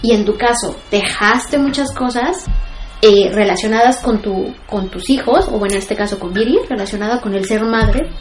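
A woman speaking in a thoughtful, measured way in a casual conversation. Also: medium pitch. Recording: echoey room with music behind.

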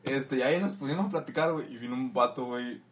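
A man's voice: medium pitch, fast. A young man with a Mexican Spanish accent, co-hosting a podcast and telling a story in slangy casual chat, laughing often, recorded on a lapel mic. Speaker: podcast co-host.

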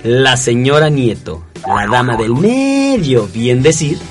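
A man's voice: mid-range voice, very animated, slow pace, over music. A man with a Mexican accent narrates a comic scripted story in a wry, self-correcting manner.

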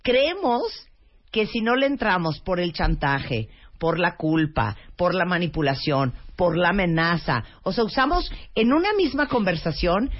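Animated female co-host, slightly husky, muffled broadcast audio. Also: on the low side, measured pace. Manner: lively, animated, reads listener comments. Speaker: radio co-host. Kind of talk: casual chat on parenting. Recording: dull lo-fi broadcast sound.

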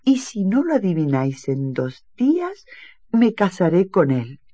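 A storyteller voicing a young lovesick lady trapped in a tower, speaking in a high, pleading, tearful tone. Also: huge pitch swings, a little slow, warm tone, no echo, highs cut off. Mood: distressed.

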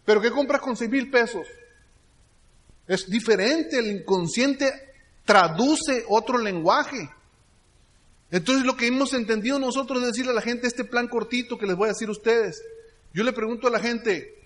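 A middle-aged man with a Mexican Spanish accent delivers a motivational seminar talk in a high-pitched voice. He tells stories and often stops to check that the audience is following him. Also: moderate pace, fairly bright tone. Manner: storytelling that keeps checking in with the audience. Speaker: business leadership speaker.

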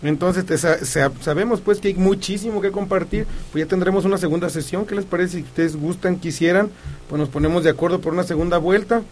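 A man's voice: high-pitched, fairly quick, darkish tone, a little hiss or hum. A man who hosts the program, upbeat and speaking directly to the listeners. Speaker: radio host. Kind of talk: program host wrap-up.

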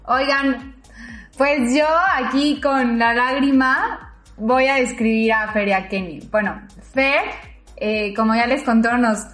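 A woman's voice: fairly high pitch, fairly even intonation, slow, fairly bright tone, echoey room, soft background music. A young woman, co-hosting a podcast in an earnest, gushing way and often repeating her words. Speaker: podcast co-host. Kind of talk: casual chat.

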